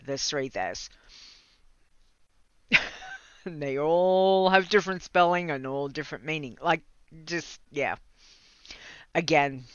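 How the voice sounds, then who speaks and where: An Australian livestream host, a native English speaker, chats casually with viewers, rambling, laughing a lot and tripping over words. The voice is medium-pitched, a bit bright, clear and resonant. It's captured dry on a slightly dull lo-fi mic with no room sound.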